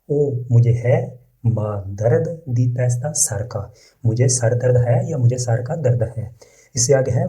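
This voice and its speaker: A man's voice: medium pitch, mellow, muffled recording. A man teaching a language lesson, saying each phrase and then explaining it word by word. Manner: says foreign phrases very slowly and deliberately.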